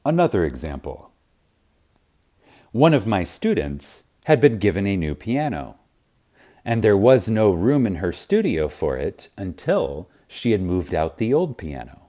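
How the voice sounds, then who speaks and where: A low, dark-toned male voice reads a spiritual teaching audiobook in a sing-song manner. The delivery is very slow and reverent, with deliberate pauses and wide pitch movement that highlights key words.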